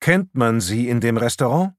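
Cool detective, dry questions, unhurried, read by a man. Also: medium pitch, animated, dry recording, lightly acted. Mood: probing. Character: calm probing male police detective.

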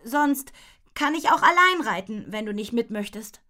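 A woman's voice: fairly high pitch, lively intonation, moderate pace, pushed and bright. A woman voicing a determined young girl rider, earnest and urgent.

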